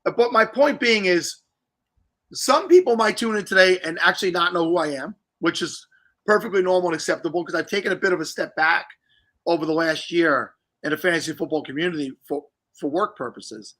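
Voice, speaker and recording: A middle-aged man talks loosely and at length as a livestream host, wandering through his points with jokey asides. His voice sits a little high and comes across bright and forceful. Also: brisk. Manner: chatty, rambling, jokey. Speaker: podcast host. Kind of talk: casual livestream chat.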